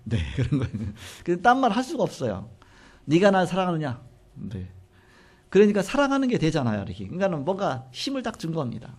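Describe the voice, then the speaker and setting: A man preaching a sermon, retelling scripture with animated storytelling and acted-out dialogue. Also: high voice, quick pace, hardly any pauses. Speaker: pastor.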